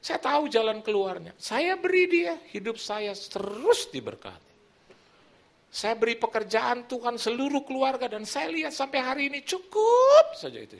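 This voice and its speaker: A middle-aged man preaching a sermon in church. His voice sits high for a man and has a bright, gravelly edge. He swings his tone widely as he acts out the people in his anecdotes. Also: normal speed. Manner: animated, acts out quoted people. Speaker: pastor. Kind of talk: sermon with storytelling.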